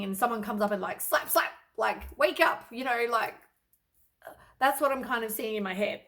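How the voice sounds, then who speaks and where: Blunt, exasperated higher-voiced woman. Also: fairly bright tone. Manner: blunt, exasperated, swears casually; lots of sighs and fillers. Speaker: tarot reader. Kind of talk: casual tarot reading to camera.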